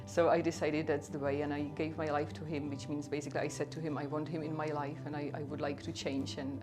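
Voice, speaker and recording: A woman from the Czech Republic, speaking English with a Czech accent, tells her personal testimony in an earnest, conversational way full of "like" and "you know.". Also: low-pitched. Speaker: speaker sharing her faith story.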